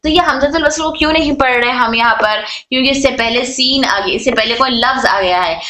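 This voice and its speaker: Bright-voiced woman teaching in an echoey room. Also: high-pitched. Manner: repetitive, asks questions and answers them herself; drawn-out slow model readings of words. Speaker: teacher of Arabic letter rules. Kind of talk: online class lecture.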